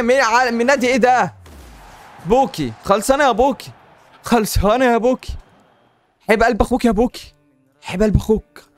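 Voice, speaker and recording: A man with an Egyptian accent giving casual, excitable gaming commentary as a YouTube host. He chats to his viewers and pleads with the game as he plays. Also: sits high. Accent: Egyptian Arabic. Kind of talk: casual gaming commentary while opening packs.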